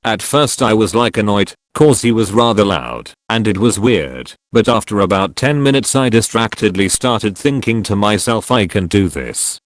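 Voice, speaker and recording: A man narrating gym stories from online posts in a steady, matter-of-fact reading voice. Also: on the low side, normal speed, hardly any pauses, dry recording. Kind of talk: scripted narration.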